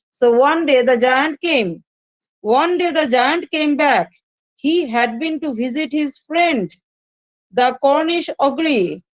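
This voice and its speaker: A woman's voice: high-pitched, no echo, rough recording. A woman teacher with an Indian English accent, explaining a story line by line to her students and repeating each point. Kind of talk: online class explaining a story.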